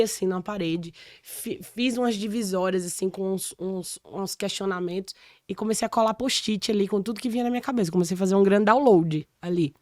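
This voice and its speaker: A woman's voice: medium pitch, a little mellow, dry recording, clean studio sound. A woman in her forties from Salvador, Brazil, a podcast guest telling a personal story in casual chat, with many restarts.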